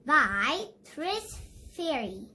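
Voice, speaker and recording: A child host reads an educational picture book aloud, addressing viewers directly in a deliberate, instructive manner. The voice sits high and bright, with big pitch swings and a forceful tone.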